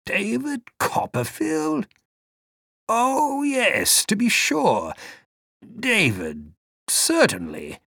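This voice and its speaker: A man reading aloud voices a vague, absent-minded older man who speaks hesitantly, slowly and softly. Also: high voice, wildly swooping pitch, vocal fry, slightly rough, no echo, studio quality, pitched above the performer's own voice, exaggerated voice. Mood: puzzled. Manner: hesitant, slow, soft and wondering.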